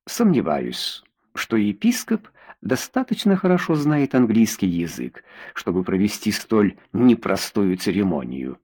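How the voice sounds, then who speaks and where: A man's voice: fairly low pitch, sing-song, measured pace, breathy edge, full character voice. A man voicing a proud, suspicious young queen in an audiobook, speaking coolly and sharply. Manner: cool and sharp.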